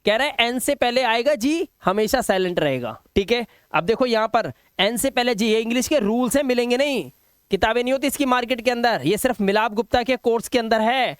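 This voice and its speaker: A man's voice: extremely high pitch, brisk, clear, resonant tone, dry recording. A man with an Indian accent teaching English pronunciation rules, emphatic and repeating each word. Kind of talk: spoken English lesson.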